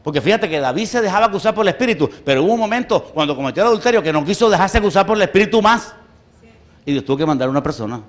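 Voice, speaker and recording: Brief: male pastor, somewhat high voice, emphatic sermon delivery that swings loud and quiet, with frequent bursts of praise. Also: expressive, racing.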